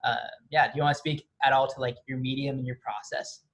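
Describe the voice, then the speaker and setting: A man's voice: medium pitch, steady tone, fairly quick, a bit bright. Guy interviewing an artist, super chatty, says like a lot. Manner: chatty, heavy use of like. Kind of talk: casual interview questions.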